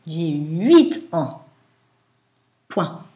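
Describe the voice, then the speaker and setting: Very slow-paced woman teacher dictating. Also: sits low, big pitch swings, mellow. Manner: deliberate, sounding out words with pauses. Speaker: primary school teacher. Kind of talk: dictating to young pupils, word by word with repeats. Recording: echoey room.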